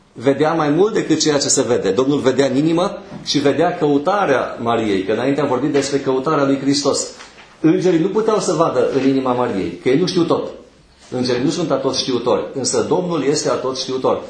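A man preaching a sermon, moving slowly through numbered points with pauses between phrases. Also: medium pitch, echoey room, low-quality recording.

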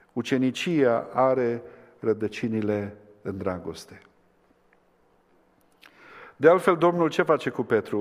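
A man preaching a sermon, swinging between impassioned climaxes and hushed, quiet lines. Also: mid-range voice. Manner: impassioned, rising to fervent climaxes then dropping to hushed tones. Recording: long hall reverb.

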